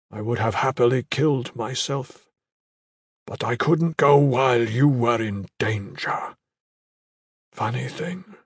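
A man voicing a dying, wounded male warrior in an audiobook, speaking weakly in a slow, halting way. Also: medium pitch, creaky, breathy edge, no room sound, clean studio sound, exaggerated voice. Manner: weak, slow, halting delivery. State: fading, barely holding on. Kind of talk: audiobook character voice.

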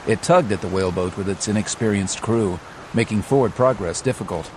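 A man narrating a scripted adventure audiobook in a measured, dramatic storytelling manner. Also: fairly low pitch, darkish tone, a little hiss or hum.

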